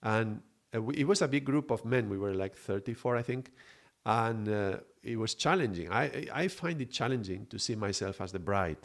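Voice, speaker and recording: Male teacher, lowish voice, calm and reflective, talks to live viewers. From Mallorca, Spain. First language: Spanish. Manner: reflective, unhurried, greets viewers by name. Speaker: spiritual teacher streaming live. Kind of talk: live-stream spiritual teaching.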